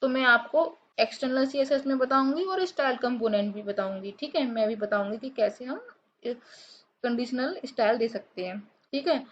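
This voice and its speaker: A woman's voice: on the high side, moderate pace. A woman teaching a programming lesson while she codes on screen, explaining step by step and checking in often with her viewers. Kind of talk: screen-recorded coding tutorial. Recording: dull lo-fi mic, faint hiss.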